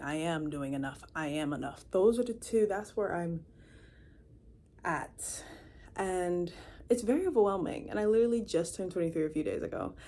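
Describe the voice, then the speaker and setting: A 23-year-old vlogger talks casually to the camera from her own room, chatty and full of fillers and restarts. Her voice is fairly low-pitched with a warm tone.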